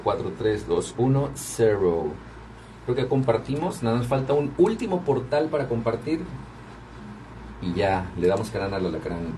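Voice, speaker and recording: A man's voice: lowish voice, recorded from a distance, background noise. A man hosting a live stream, chatting casually with viewers while he runs the music. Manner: chatty, talks to viewers while working the controls. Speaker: radio and livestream host.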